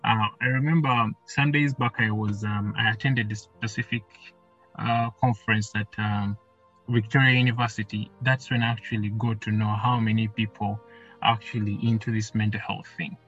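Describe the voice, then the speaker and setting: Husky podcast host with a lo-fi sound. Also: male voice, fairly low pitch, flat delivery, normal speed, fairly bright tone, faint music behind. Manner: rambling, repeats himself. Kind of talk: casual interview.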